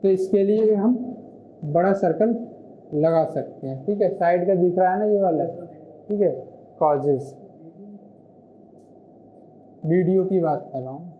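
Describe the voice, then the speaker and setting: This male shorthand teacher talks a little slowly with long pauses, his voice sitting high, during an online classroom lesson. He explains patiently and often stops to raise his own questions and answer them; the recording is muffled and lo-fi, with slight background noise.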